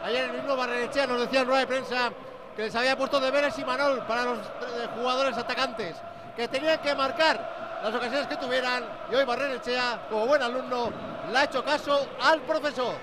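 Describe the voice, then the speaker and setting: A male football reporter speaks at a very high pitch in a live report. Stadium crowd and clear noise sit behind his voice. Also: steady tone, a little fast.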